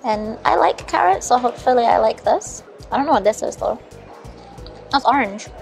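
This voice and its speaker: The recording is rough, with faint music behind a fairly high, gravelly, expressive voice at normal speed. It belongs to a woman in her twenties, first from the Caribbean and later England, who chats casually and candidly as an interview guest over afternoon tea. They sit indoors in a spacious hotel lounge restaurant, with a small recorder or phone close across the table.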